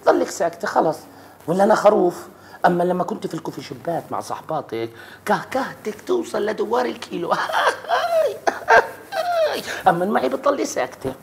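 A man's voice: high voice, big pitch swings, fast, vocal fry, a little hiss or hum, exaggerated voice. A man playing a bossy, jealous husband who scolds his wife nonstop in a comedy sketch. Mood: scolding. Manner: nagging, scolding, quarrelsome.

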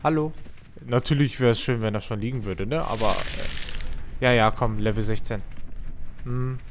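A man commentating a game as a streamer, excitable and coaxing the creatures he tries to tame. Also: mid-range voice, unhurried, slight background noise. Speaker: gaming streamer. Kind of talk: let's play commentary.

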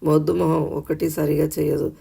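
A man voicing a stern, angry father in an audio story, read in a flat, gravelly storyteller voice. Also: fairly high pitch, normal speed, full character voice. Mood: scornful. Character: stern middle-aged father, angry and scornful.

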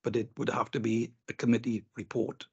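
A man's voice: mid-range voice, little pitch movement, a little fast, darkish tone, breathy edge, highs cut off. A man speaking as a councillor in a meeting debate, firm and insistent about his demands.

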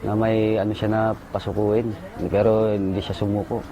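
A man, a soldier, recalling a firefight in short halting bursts and military jargon. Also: on the low side, flat delivery, warm tone, muffled recording, slight background noise. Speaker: soldier recounting combat. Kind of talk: casual spoken recollection.

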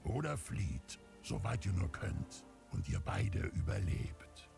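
Casting: old orc veteran for a game, very gravelly, slow, grave and honour-bound. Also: male voice, big pitch swings, over music, full character voice. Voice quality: deep, gravelly. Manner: grave, deliberate. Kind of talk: video game cutscene acting.

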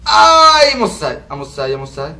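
A man's voice: medium pitch, moderate pace. A young man with a Mexican accent giving rambling, joking commentary while playing a video game and exclaiming at it. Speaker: gaming video creator. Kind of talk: casual gameplay commentary. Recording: distant mic with faint background noise.

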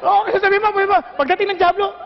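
A middle-aged man with a Filipino accent, preaching a lively sermon and acting out little dialogues. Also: very high voice, fast, creaky. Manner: animated, mixes Tagalog and English, acts out dialogues. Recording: dull echoey hall recording.

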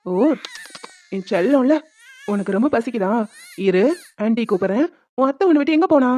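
A woman's voice: fairly high pitch, animated, moderate pace, dark tone. A woman voicing a young grieving husband and doting father in a cartoon, speaking in an emotional, tearful, pleading way. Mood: soothing baby. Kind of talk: cartoon voice acting.

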